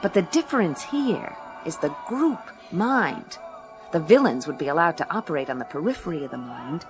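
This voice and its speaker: In a radio play with music underneath, a woman voices a tough detective who narrates her case drily, wisecracking in blunt slang. Her voice is low and expressive, at a moderate pace.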